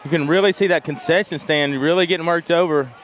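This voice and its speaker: A man adds color commentary to a local high school football game, in a slightly high voice. He talks in an earnest, halting way, stopping often on "uh" and "um." Faint outdoor stadium noise runs under him. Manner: halting, filler-heavy, earnest.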